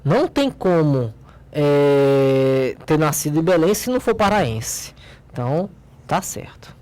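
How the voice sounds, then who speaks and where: A woman's voice: deep voice, sing-song, a little slow, warm tone. A Brazilian woman teaching logic, who works through the exercises step by step, pointing things out and asking her own questions before answering them. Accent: Brazilian Portuguese. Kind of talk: recorded logic lesson.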